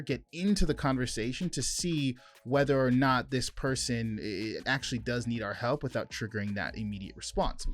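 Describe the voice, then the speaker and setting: A man teaching sales calling in a conversational way, explaining step by step and acting out example phone lines. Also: medium pitch. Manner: demonstrates call scripts by acting out both sides. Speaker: sales coach. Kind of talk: sales training talk to camera.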